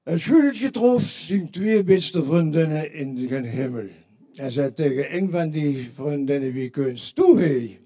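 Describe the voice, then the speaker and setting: A man performs a carnival comedy set in a Limburgish accent, acting out each character and their quoted speech as he builds to the punchlines. A little high and dark in tone with a slight roughness, his voice moves with lively intonation at a somewhat slow pace.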